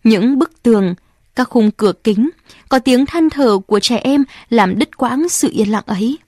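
A woman reads a novel aloud as an audiobook narrator, steady and expressive. Her voice sits fairly high. The recording is dry and close, with no room sound. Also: a little slow, no echo. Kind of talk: scripted narration.

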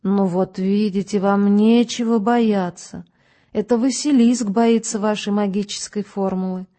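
A woman voicing a calm, patient male doctor who explains things in a measured way. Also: mid-range voice, lightly acted.

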